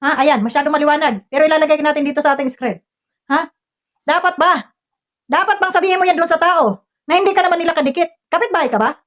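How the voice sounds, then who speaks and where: A woman's voice: sits high, fast talker, a bit bright. A woman ranting at a commenter, scolding and confrontational, firing off rhetorical questions. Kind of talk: heated commentary rant. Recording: dull lo-fi recording.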